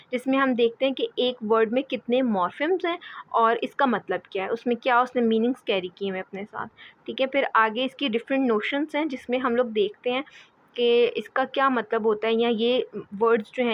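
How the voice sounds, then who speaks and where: A woman giving a lecture as a teacher, often checking in with "okay" and pausing with fillers. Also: on the high side. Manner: repeats "ठीक है", hesitant fillers. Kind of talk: explaining lecture. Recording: dull lo-fi audio.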